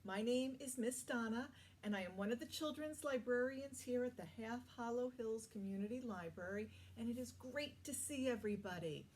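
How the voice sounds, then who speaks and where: A woman's voice: on the high side, normal speed, few pauses, darkish tone, slight background noise. A woman working as a children's librarian, leading a toddler story time with encouraging, simple phrases, questions and praise for young children.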